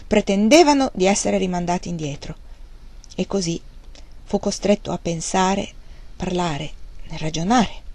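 A woman narrating an audiobook in a calm, measured reading. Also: medium pitch. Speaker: audiobook reader. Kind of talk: scripted narration.

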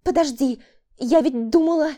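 A woman voicing a panicked, scheming woman in an audiobook, shrill, high-strung and defensive. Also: animated, normal speed, dark tone. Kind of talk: audiobook character voice.

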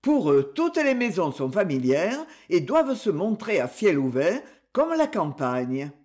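A woman narrating a classic novel as an audiobook, reading in an unhurried, expressive way. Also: fairly low pitch.

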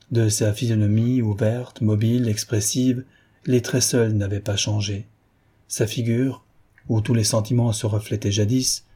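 A man reading a classic novel aloud as narrator, in measured, even storytelling. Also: mid-range voice, slightly rough. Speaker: audiobook narrator.

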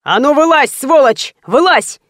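A woman voicing a rude young male security guard who swears and shouts, in an audiobook. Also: on the high side, big pitch swings, moderate pace, no echo, studio quality. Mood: furious. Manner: coarse, shouting insults.

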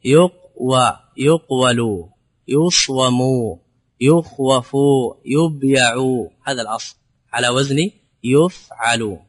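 A man's voice: medium pitch, takes it slowly, long pauses, breathy edge. A man teaching a grammar lesson, explaining step by step, repeating example words and asking rhetorical questions. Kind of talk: classical Arabic grammar lesson.

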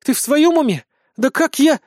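A man voicing a bold, tipsy young woman soldier who talks in a squeaky, sulky, sassy way. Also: lively intonation, normal speed, a little mellow, no echo, clean studio sound. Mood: frightened.

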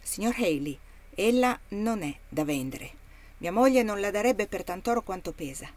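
A woman's voice: medium pitch, lively intonation, moderate pace, a little mellow, natural voice. A woman voicing a reluctant male plantation owner in an audiobook reading, refusing firmly and curtly. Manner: firm, curt refusals.

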